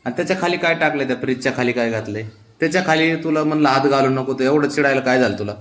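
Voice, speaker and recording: A man's voice: mid-range voice, racing, a bit bright. A man with a Marathi accent, casually coaxing and scolding his sulking pet cat in a mix of pleading and baby talk.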